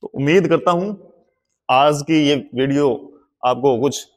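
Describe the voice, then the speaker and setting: Guy teaching a lesson, spells stuff out letter by letter, slowish and careful, kinda high voice. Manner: slow, deliberate, spells words letter by letter. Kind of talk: classroom-style language lesson.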